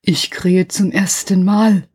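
A woman voicing a big golden rooster on a church tower, calling down slowly and matter-of-factly. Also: lowish voice, steady tone, dark tone, husky, full character voice. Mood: calm.

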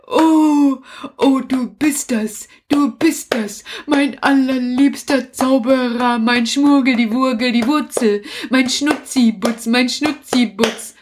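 A woman's voice: a little high, darkish tone, a little hiss or hum. A woman voicing a lovesick, clingy female crocodile in a children's puppet show, doting and sobbing dramatically.

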